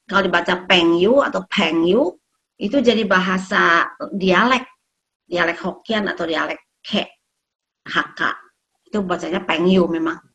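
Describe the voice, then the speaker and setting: A woman teaches pronunciation in a patient, explanatory way. She slows down to sound out each syllable, then repeats it so learners can follow. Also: lowish voice, fairly bright tone. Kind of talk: pronunciation lesson.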